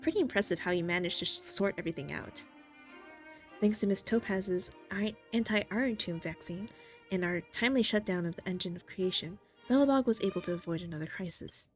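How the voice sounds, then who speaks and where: A woman's voice: mid-range voice, brisk, soft background music. A woman streaming a video game, reading its dialogue aloud and reacting expressively as she goes. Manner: expressive, exclaims and laughs at the story.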